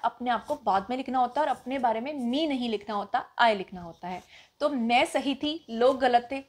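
A woman vlogger with a Pakistani accent, a native Punjabi speaker, answering viewer comments in a casual Q&A, assertive and emphatic. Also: high voice. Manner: assertive, emphatic, self-assured. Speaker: vlogger host.

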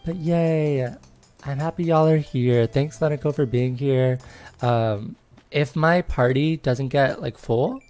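Slow, bubbly young woman streamer. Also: rumbling low, dark tone, soft background music. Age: 20s. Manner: bubbly and giggly, with many little cheers. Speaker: livestreamer. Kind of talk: casual gameplay chat.

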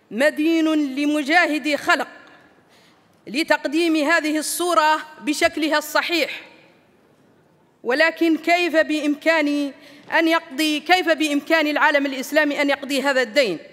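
A middle-aged woman from Mauritania speaks at a lectern microphone, reading a rousing political speech. Her voice sits very high and rings sharp and bright. A long hall reverb trails each phrase. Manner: emphatic, rousing oratory. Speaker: former parliamentarian giving a speech. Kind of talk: formal political speech read from notes. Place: large banquet hall, indoors.

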